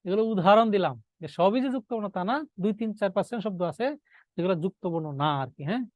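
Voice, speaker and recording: Male teacher, higher-pitched voice, dry close sound; drills exam points by asking and answering, dictates notes. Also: darkish tone, no room sound, lo-fi sound. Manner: repeats key points as questions to students, then answers them; dictates notes, slowing on key words. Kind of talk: exam-prep grammar lecture.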